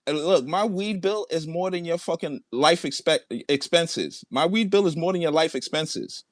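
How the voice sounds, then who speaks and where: A man's voice: a little high, normal speed, no echo. A man in a heated online debate, arguing emphatically and swearing as he repeats his points. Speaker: debate participant. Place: large room at home.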